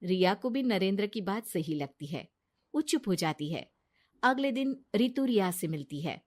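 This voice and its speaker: A woman narrating a cartoon story in a plain, steady way. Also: mid-range voice, normal speed.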